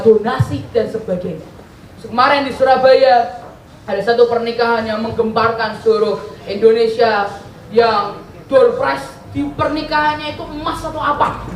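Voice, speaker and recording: A woman's voice: fairly high pitch, a little hiss or hum. A woman preaching a sermon, telling stories and asking the congregation questions that she answers herself. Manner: animated storytelling with call-and-response questions. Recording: echoey hall, mic at a distance.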